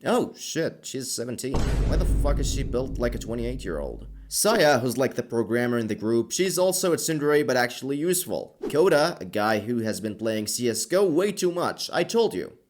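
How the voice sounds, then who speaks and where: A man narrates an anime recap as comedy, with a lot of swearing and mock exasperation. His pitch swings widely as he riffs on each scene. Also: very animated, normal speed, hardly any pauses, noisy background. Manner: sarcastic, profane, exasperated.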